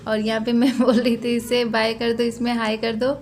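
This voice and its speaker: Chatty woman vlogger, narrating casual shopping footage in a fairly high, flat voice with faint background hiss. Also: normal speed. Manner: chatty, repeats herself, frequent tag questions. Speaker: vlogger and mother.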